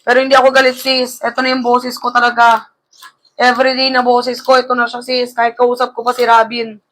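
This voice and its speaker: High bright woman doing live-selling patter. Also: monotone. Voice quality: slightly gravelly through the mic. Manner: brisk, repetitive sales patter addressing buyers as madam. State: tired, low energy after shouting. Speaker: online live seller. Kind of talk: live-selling sales pitch. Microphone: close-up streaming mic.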